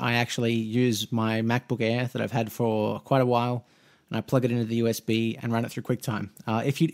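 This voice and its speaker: With a mid-range, slightly mellow voice, this Australian-accented man in his 20s chats casually in a Q&A vlog for his mobile gaming channel. His easygoing talk rambles along, full of fillers and restarts.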